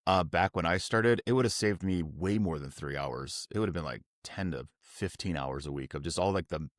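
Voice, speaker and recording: A man co-hosting a casual business podcast, agreeing earnestly and trailing off quietly at the ends of sentences. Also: low voice, moderate pace, dry recording, studio quality. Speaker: podcast co-host.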